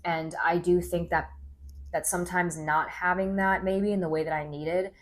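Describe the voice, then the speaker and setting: A woman's voice: on the low side, level tone, normal speed. A young American woman co-hosting a podcast, talking in a reflective, agreeable way. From United States. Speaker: podcast co-host. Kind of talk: casual chat.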